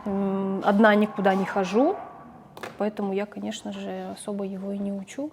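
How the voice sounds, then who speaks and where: Against a noisy background, this woman of medium pitch talks at a moderate pace with little pitch movement. She's a middle-aged family vlogger and mother of Russian-speaking background, conversational and chatty with the camera, occasionally fixing her words mid-sentence.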